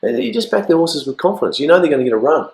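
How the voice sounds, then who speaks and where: Croaky Australian man in an echoey room. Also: a little high, sing-song, darkish tone. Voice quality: croaky, hoarse frog-like voice. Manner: blokey, halting, repeats himself. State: hoarse from flu. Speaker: co-host of horse racing show. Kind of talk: casual racing chat and tipping. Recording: echoey, roomy sound.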